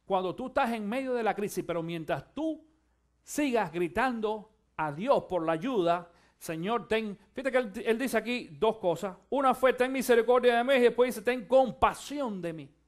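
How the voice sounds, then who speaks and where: A male pastor preaching a sermon, shifting from quiet musing to loud, fervent exhortation and urging his listeners to listen. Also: high-pitched, normal speed. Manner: addresses listeners directly, urging them to listen.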